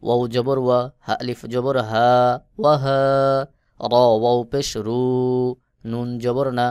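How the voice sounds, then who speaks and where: A man with a Bangladeshi Bengali accent teaching Quran reading, spelling out letters slowly and chanting the words in long drawn-out tones. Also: mid-range voice, flat delivery, darkish tone, clean tone, no room sound, studio quality. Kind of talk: slow spelled-out recitation lesson.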